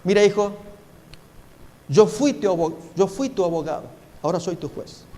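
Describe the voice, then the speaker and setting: A man preaching, acting out a stern older judge who speaks firmly and calmly. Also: sits high. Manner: firm, measured. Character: stern older male judge, calm and grave.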